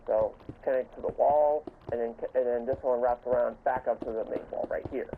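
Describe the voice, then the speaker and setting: Over phone-quality audio with a little hiss or hum, a male gaming host talks through a build in a relaxed tutorial. His medium-pitched voice moves fairly quickly with even intonation, and he trips over words, repeats himself, and sometimes stutters.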